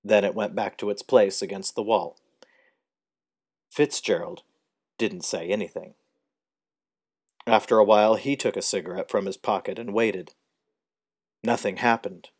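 A man narrating a story as an audiobook in a measured, steady way. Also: on the low side.

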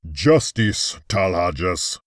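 A man's voice: deep voice, sing-song, drawn-out words, no room sound, studio quality, voice pushed down, full character voice. A man voicing an aged, stern male alien chieftain who speaks in a grave, commanding way. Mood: indignant.

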